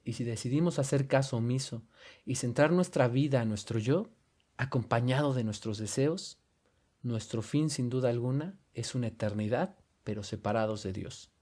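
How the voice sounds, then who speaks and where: A man with a Mexican Spanish accent preaching a sermon and reading scripture aloud in an earnest, measured way with emphatic stresses. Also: mid-range voice, a little mellow.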